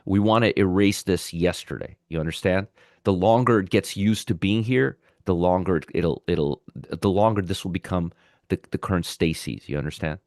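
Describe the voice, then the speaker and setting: Despite a sore throat and feeling under the weather, this live pre-market trading show host explains markets conversationally and repeats himself. His voice sits low and a little mellow at a moderate pace, with no echo and studio quality.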